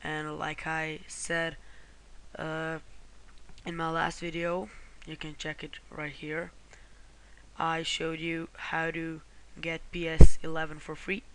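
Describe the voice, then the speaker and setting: A man's voice: a little high, monotone, slow, a bit bright, clear, resonant tone. A man from Croatia, talking through a screen-recorded how-to walkthrough in a rambling way, often correcting himself and apologizing. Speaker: tutorial host.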